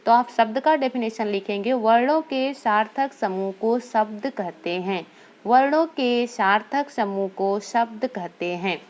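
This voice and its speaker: Woman, schoolteacher, slightly high voice, patient and repetitive, teaching small kids. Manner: slow, patient, repeats key lines for young children. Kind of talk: online class lesson.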